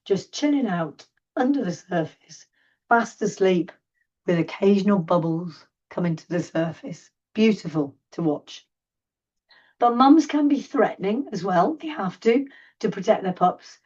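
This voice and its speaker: A woman's voice: medium pitch, animated, unhurried, a little mellow, slightly rough. Chatty woman lecturing on a dull distant mic. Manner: chatty, enthusiastic commentary over wildlife clips. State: sore throat. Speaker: seal researcher giving an online talk. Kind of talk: informal narrated video lecture.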